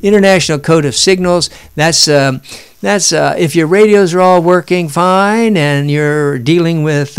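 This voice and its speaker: A man's voice: medium pitch, clear, resonant tone. A man giving an informal lesson while looking through documents on screen, rambling with restarts and fillers. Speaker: instructor.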